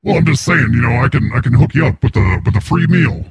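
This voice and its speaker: A man's voice: mid-range voice, expressive, quick pace, dry recording, heavily acted. A man pranking over a call, using a voice changer to play a crude, self-important male neighborhood boss. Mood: smarmy. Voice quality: gravelly, raspy. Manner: rambling prank-call banter, mocking. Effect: voice changer distortion. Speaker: prank caller.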